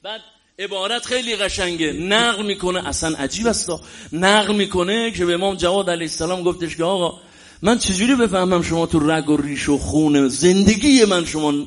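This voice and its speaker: Emphatic male preacher, high-ish voice. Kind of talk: religious sermon.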